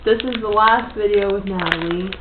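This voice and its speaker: A woman's voice: mid-range voice, moderate pace. A woman chatting casually and giggling with friends in a home video. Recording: tinny, echoey room with loud noise.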